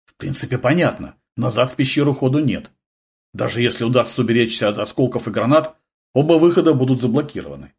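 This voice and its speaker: Male audiobook narrator, husky tone, very animated delivery for action scenes. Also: medium pitch, quick pace. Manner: vivid, dramatic storytelling.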